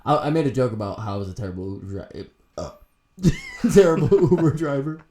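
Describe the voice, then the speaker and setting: A man's voice: medium pitch, huge pitch swings, fairly quick, dark tone. A young man co-hosting a casual podcast, telling crude, rambling stories with lots of laughter. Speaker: podcast co-host.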